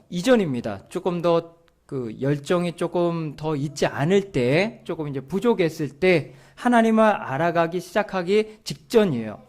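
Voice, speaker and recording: A man's voice: high voice, darkish tone. A man in his thirties preaching a sermon, telling a personal story and acting out what others said. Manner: storytelling, acts out quoted voices with laughs. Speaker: pastor.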